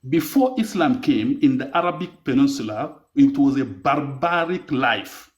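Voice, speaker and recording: A man's voice: mid-range voice, lively intonation, unhurried, reverberant. A man from Africa, calling into a heated live debate, earnest and pressing to finish his point. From West Africa. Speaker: caller.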